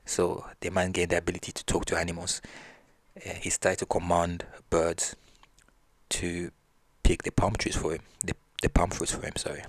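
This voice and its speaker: Laid-back male storyteller, low and gravelly, husky voice. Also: moderate pace. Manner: relaxed, with restarts. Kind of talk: casual folk-tale storytelling.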